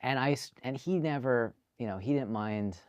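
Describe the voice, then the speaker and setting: A man from Canada, a filmmaker telling his story in a relaxed, chatty interview. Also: medium pitch, moderate pace, no room sound, lo-fi sound. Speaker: guest filmmaker. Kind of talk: casual interview.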